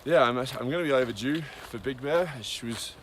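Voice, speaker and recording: A long-distance hiker, a man, gives a casual daily update on a cold trail outdoors, rambling with many ums and wandering off on tangents. His mid-range voice is a little fast, with slight background noise.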